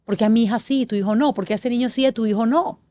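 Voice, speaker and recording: A middle-aged woman from Panama, a guest in an interview, telling a personal story with expressive, animated delivery and quick lists. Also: on the high side. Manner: expressive, animated, lists things in rapid series.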